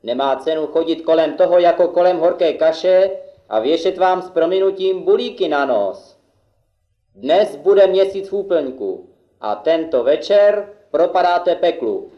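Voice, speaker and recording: A man's voice: a little high, lively intonation, natural voice. Roomy dull sound, man playing folksy defiant peasant, blunt, puppet theatre. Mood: frank, firm. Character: Jíra, plain-spoken, defiant peasant fellow.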